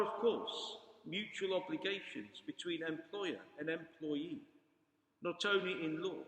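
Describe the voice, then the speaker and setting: A man with a fairly high-pitched voice delivers a solemn pulpit sermon. His phrasing is formal and measured, as a priest reads scripture or preaches a homily. The sound is very echoey, ringing with the long reverb of a large hall. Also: sharp tone.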